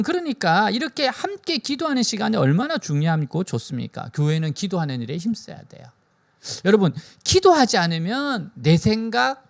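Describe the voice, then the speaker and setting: A man preaching a sermon as a pastor, animated and full of rhetorical questions to his listeners. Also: high voice, vocal fry.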